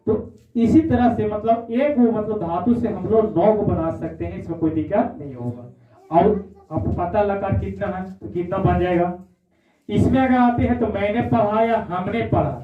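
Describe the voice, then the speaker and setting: A male teacher, speaking in a fairly high voice. He repeats his points and checks in with his students as he goes. The sound is thin and phone-like, picked up from a distance in an echoey room. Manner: repetitive, checks in with "है ना?". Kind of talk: classroom lesson. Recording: echoey, far-off, phone-like audio.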